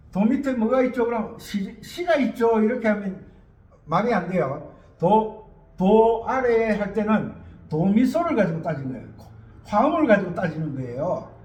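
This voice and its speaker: A man's voice: sits high, darkish tone, reverberant. A man teaching a music theory lesson, repeating key words and asking rhetorical questions.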